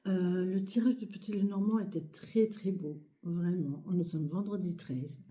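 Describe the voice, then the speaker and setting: Woman, hoarse, breathless, quiet, hesitant, very dark mellow tone, lowish voice, casual card reading. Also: fairly even intonation, measured pace. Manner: soft-spoken, hesitant with many fillers. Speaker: card reader. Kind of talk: casual tarot reading video. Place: home, near a sleeping child, outdoor birds.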